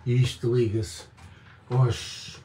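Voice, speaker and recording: An older man from Portugal, speaking European Portuguese-accented speech very slowly in a warm, level, mid-range voice, vlogs his opinions casually, rambling off on tangents and repeating himself for emphasis. There's a little hiss or hum, and the distant mic captures a roomy space with faint ambience.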